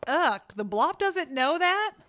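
Skeptical young cartoon woman, dry and snarky, kinda high voice. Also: big pitch swings, slow, fairly bright tone, heavily acted. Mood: wry. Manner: dry, sarcastic. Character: wry, skeptical young woman, quick with a sarcastic quip.

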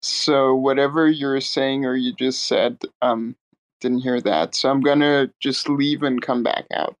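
A man in a casual online audio chat who speaks politely and haltingly, often stopping and restarting. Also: mid-range voice, steady tone. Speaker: listener joining an audio chat.

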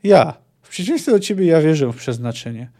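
A grave old bearded druid in a read-aloud story, as a man reads him, earnest and measured in his warnings. The voice stays mellow and dark, close to the reader's own. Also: fairly high pitch, lively intonation. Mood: earnest counsel.

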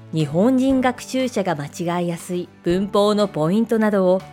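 A woman's voice: medium pitch, darkish tone. A woman reading a polished, scripted introduction to a podcast show. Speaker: show announcer.

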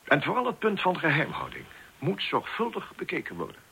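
Old chancellor, deliberate, rasping, animated pitch. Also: male voice, exaggerated voice. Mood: measured. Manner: deliberate, hesitant, formal. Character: elderly German chancellor, cautious, formal. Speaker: statesman. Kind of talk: 1960s radio drama.

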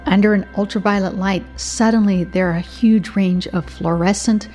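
A woman's voice: mid-range voice, fairly even intonation, moderate pace, a little mellow. American woman hosting science radio over music. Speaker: science radio show host and reporter. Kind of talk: scripted radio narration.

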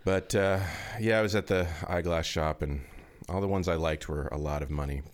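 A man with a very low voice, still groggy with morning voice. He chats casually on a podcast with a wry, relaxed delivery that tends to trail off mid-thought. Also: moderate pace. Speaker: podcast co-host. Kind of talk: casual chat.

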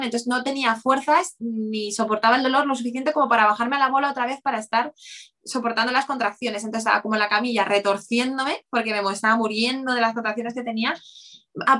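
A woman's voice: a little high, sharp tone. A woman, telling a personal story in conversation as an interview guest, rambling with many restarts. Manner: rapid, rambling, full of "o sea" restarts.

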